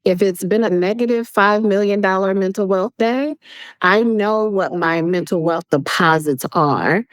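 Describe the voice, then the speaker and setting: A woman speaking as an interview guest, an animated storyteller who acts out quoted voices and laughs often. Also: on the low side, dry recording, low-quality recording. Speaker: guest, public speaker and coach. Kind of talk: podcast interview conversation.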